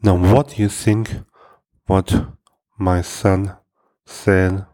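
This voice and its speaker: Male comedy podcast host, deep and unhurried, dry self-mocking delivery. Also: level tone, dark tone. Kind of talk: deadpan comedy monologue.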